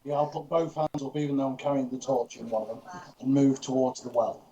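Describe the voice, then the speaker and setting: A man's voice: mid-range voice, flat delivery, fairly quick, warm tone, a little hiss or hum. A man playing a tabletop game, thinking aloud as he decides his moves. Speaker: player. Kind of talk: casual tabletop game chat. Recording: dull lo-fi stream audio.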